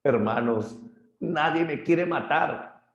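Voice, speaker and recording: A man voicing a huge man-eating cyclops, brutish and mocking, in slow, drawn-out tones, in an echoey room. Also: fairly high pitch, expressive, dull audio, voice pushed up. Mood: menacing.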